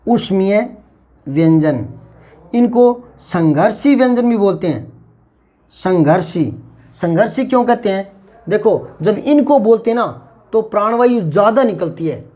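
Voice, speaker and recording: A man's voice: high-pitched, dark tone. Man, teacher, patient classroom explaining, repeats terms, rhetorical questions. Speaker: Hindi grammar teacher. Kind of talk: exam-prep classroom lesson.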